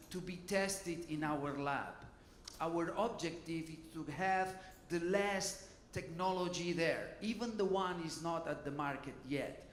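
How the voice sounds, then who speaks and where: A man's voice: sits high, roomy sound, a little hiss or hum. A man, speaking informally on a conference panel and often adding "you know" and "okay". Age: 50s. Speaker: hotel innovation panelist. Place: conference hall.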